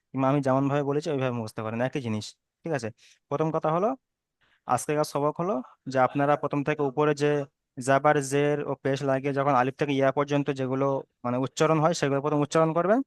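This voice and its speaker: Male reading teacher on a video call, quick and clear, repeats each rule patiently, dry sound. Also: a little high, dry recording. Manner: patient, repeats rules slowly. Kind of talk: online Arabic reading lesson. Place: online class.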